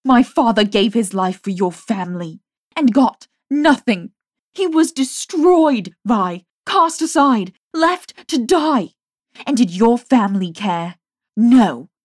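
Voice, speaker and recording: A woman's voice: lowish voice, fairly even intonation, measured pace, dark tone, no echo, clean studio sound. A woman doing Jamie, a bitter vengeful young woman. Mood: furious. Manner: scornful, cutting.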